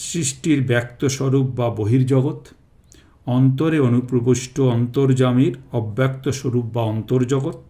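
Calm man reciting and explaining scripture. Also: mid-range voice. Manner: slow, measured chanting of Sanskrit verses. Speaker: Gita reader and explainer.

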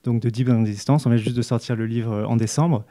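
A man's voice: medium pitch, steady tone, fast, dark tone. A man in his thirties, guest on a casual discussion, speaking earnestly into a handheld mic with frequent restarts and fillers. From United States and France, raised in Montreal and New York. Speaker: activist guest. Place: small studio with brick wall.

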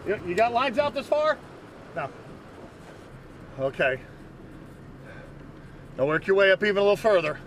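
A man, a charter fishing captain giving loud, excited commentary and coaching on an open boat, recorded on an action camera. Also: sits high, normal speed, pauses often. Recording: outdoor boat noise. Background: wind and water noise.

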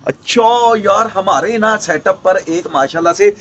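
A young man hosting a casual pet vlog at home, chatting excitedly and coaxing his animals. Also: sits high, measured pace, a little hiss or hum. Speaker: pet vlogger.

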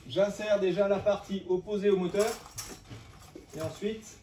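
A man's voice: sits high, fairly even intonation, measured pace, dark tone. Male DIY host, 40s, matter-of-fact, recorded at a distance in a roomy space. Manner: matter-of-fact, explaining each step plainly. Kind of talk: casual step-by-step DIY narration. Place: home room by windows, indoors. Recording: echoey room, distant mic, background noise.

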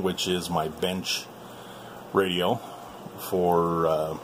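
A low-voiced man, a radio hobbyist who hosts videos, offers informal commentary as he tours his workshop for viewers. The handheld camera in the small room picks up a little hiss or hum.

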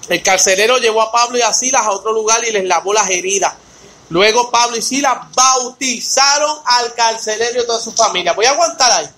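A man's voice: very high-pitched, sharp tone, low-quality recording. A man leading a Bible study. He reads scripture aloud, then explains it with rhetorical questions and talks to his listeners by name. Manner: addresses listeners by name in a conversational way.

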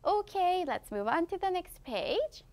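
A woman with a Korean accent teaching children English through a picture book, reading the English slowly and explaining each part in her own language. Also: very high voice, sing-song, background noise. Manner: slow, exaggerated English read-aloud with quick explanations in her own language. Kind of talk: bilingual storybook lesson for children.

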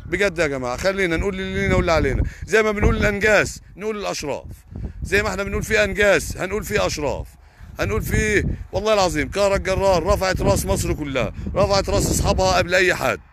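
A young Egyptian man speaks fast and high on a live stream, heated and insistent as he answers viewers' comments. He talks like a farmer venting, with oath after oath. Faint background noise sits under his voice. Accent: Egyptian Arabic. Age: young adult. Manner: heated, indignant, fast and emphatic with repeated oaths.

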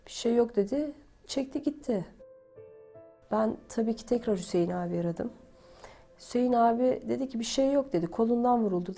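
A woman with a warm, darker tone recounts past events for a documentary, replaying each exchange with "I said" and "he said." Her pitch is mid-range for a woman, with faint music beneath her voice. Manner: retells events by quoting dialogue with "dedim" and "dedi". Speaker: family member interviewed for a documentary. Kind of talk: emotional first-person recollection.

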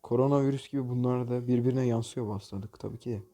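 A man's voice: mid-range voice, steady tone, quick pace, mellow. A man hosting a gaming channel, commenting on opening loot boxes in a mobile game, exasperated and jokey, often cursing at the game.

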